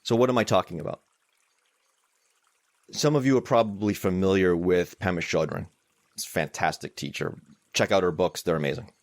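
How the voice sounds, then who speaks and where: A middle-aged man with a low, deep voice gives a live mindfulness talk. He speaks candidly and conversationally, poking fun at himself. The sound is dry, with no room echo. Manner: candid, self-deprecating, conversational. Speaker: mindfulness teacher. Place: meetup room.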